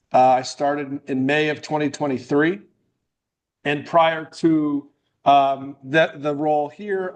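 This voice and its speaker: A middle-aged man from New England, USA, is the guest speaker at a club meeting in a meeting room, giving a friendly, joking talk that's loose and full of restarts. His voice is a little high with a darkish tone.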